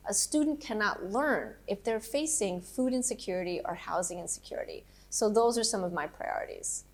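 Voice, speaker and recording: Middle-aged woman from colombia running for office, earnest and steady, talks through her policy plans. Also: mid-range voice, moderate pace. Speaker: political candidate. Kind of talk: candidate answering interview questions.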